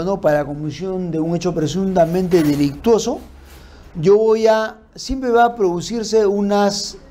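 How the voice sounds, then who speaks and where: A man giving an informal law lecture, explaining through lists and examples and checking in with his listeners with quick tag questions. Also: high-pitched, warm tone. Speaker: criminal law instructor. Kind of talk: informal lecture on forensic principles.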